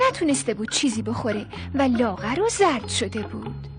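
A woman narrating a dubbed cartoon folk tale in a gentle storybook manner. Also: fairly high pitch, big pitch swings, faint music behind.

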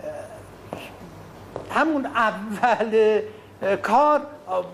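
An actor playing a polite mover who apologizes formally and hesitantly. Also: male voice, high voice, lively intonation, gravelly, fairly bright tone, a little hiss or hum, heavily acted. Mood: apologetic.

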